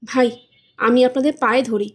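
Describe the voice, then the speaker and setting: A woman's voice: a little high, fairly even intonation, moderate pace, slightly rough. A woman voicing a bewildered, indignant young man in a storybook reading. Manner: indignant, then pleading. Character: bewildered arrogant young man, video maker.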